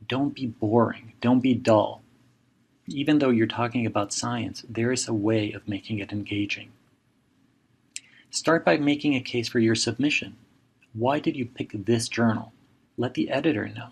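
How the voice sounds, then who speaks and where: A gravelly, middle-aged Mexican man of medium pitch, whose first language is Spanish, gives a recorded seminar lecture. He's a journal editor and professor, and his manner is measured and advisory, full of direct imperatives.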